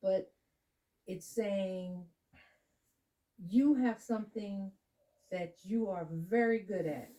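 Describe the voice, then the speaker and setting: A woman leading children in a home lesson, coaching them patiently with slow, drawn-out explanations. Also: medium pitch, warm tone, recorded from a distance, low-quality recording. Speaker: adult leading children in a candle lighting. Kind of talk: home teaching talk. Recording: voice from away from the mic.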